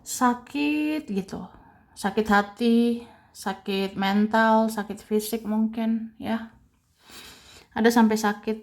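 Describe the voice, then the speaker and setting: Lady reading tarot cards, slow unhurried talk, chatty and repetitive, little laughs. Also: on the high side, level tone. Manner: chatty, repeats herself, ends phrases with soft tag words; light laughs between points. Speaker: tarot reader. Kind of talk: casual tarot reading monologue.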